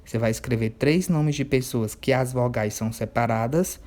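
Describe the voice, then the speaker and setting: A man, teaching a remote workbook lesson to children. He checks in often and stretches words slowly when he spells out syllables. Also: mid-range voice, a little mellow.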